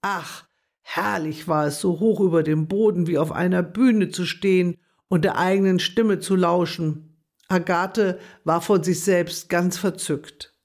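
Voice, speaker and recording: A storyteller reading a children's story aloud in a gentle, expressive way. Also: medium pitch, a little slow.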